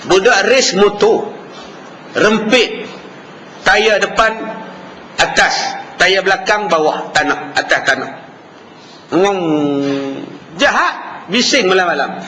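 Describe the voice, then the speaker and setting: A man with a Malaysian Malay accent giving a lively religious lecture, acting out quarrels between husbands and wives. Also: sits high, slow pace, pauses often, slight background noise. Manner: animated, acts out quarrels between spouses. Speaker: preacher. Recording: hall reverb with faint ambience.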